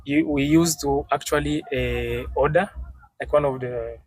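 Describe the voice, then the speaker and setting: A young man from Congo, telling stories as a podcast guest in a halting, casual way, restarting phrases and dropping in Swahili words. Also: mid-range voice, fairly even intonation, dry recording. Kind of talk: casual interview storytelling.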